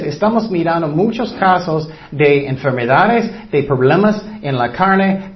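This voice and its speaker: A man preaching a sermon, earnest and teaching, with light self-deprecating humor. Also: on the high side. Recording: dull lo-fi recording.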